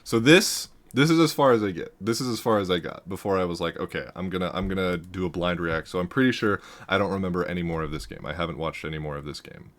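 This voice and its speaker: A man with a deep, low voice talks through a game replay in a loose, rambling way. He restarts his sentences, laughs often and gets loud when something excites him. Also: fast, hardly any pauses. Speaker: gaming commentator reviewing a match. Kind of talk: casual game analysis commentary.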